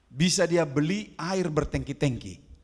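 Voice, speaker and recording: A man's voice: a little high, unhurried, husky. A male pastor preaching a sermon, emphatic, with rising exclamations and rhetorical questions to the congregation.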